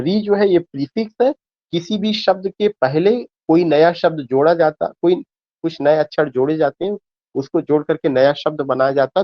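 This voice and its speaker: A man teaching a class, explaining points in everyday speech and slowing down to read out English definitions, with frequent hesitations. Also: on the high side, highs cut off. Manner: explains in Hindi, reads English definitions slowly. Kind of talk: classroom lecture.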